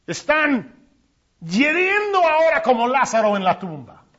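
A man preaching a sermon with passion, rising to loud cries and dropping to hushed tones. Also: very high-pitched, sing-song, unhurried. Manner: impassioned preaching, swinging from loud cries to hushed near-whispers. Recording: dull lo-fi recording.

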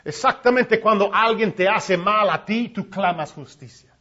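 A man preaching a sermon with passion, rising to loud cries and dropping to hushed tones. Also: high voice, unhurried. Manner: impassioned preaching, swinging from loud cries to hushed near-whispers. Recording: dull lo-fi recording.

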